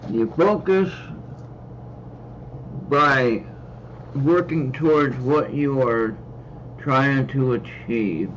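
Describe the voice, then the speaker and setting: Gravelly American man rambling on a stream. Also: on the high side, a little hiss or hum. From United States. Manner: rambling, with hesitant fillers and repeats. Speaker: host and card reader. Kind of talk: casual livestream chat. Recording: slightly dull lo-fi stream audio.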